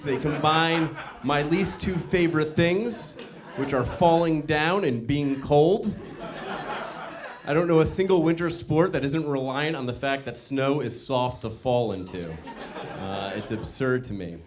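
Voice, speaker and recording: A male stand-up comedian ranting in an exasperated, animated way. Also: fairly high pitch, a little slow, a crowd in the background.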